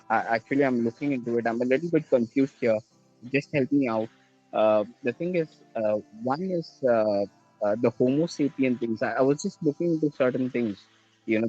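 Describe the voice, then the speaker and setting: A man from India, calling in with questions, halting and restarting as he searches for words. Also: mid-range voice, a little mellow. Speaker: caller. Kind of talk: call-in question to a religious show. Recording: dull lo-fi call line.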